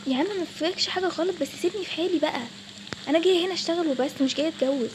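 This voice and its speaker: A woman's voice: very high-pitched, racing, noisy background. A woman with an Egyptian Arabic accent voicing an exasperated young bank clerk in a toy role-play story. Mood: annoyed. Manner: exasperated, snapping back.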